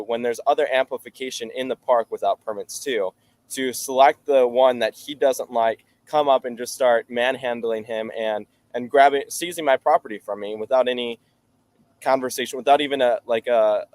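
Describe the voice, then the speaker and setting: A man's voice: mid-range voice, moderate pace, darkish tone. A man of nineteen, a talk show guest, earnestly explaining at length in casual answers. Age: late teens.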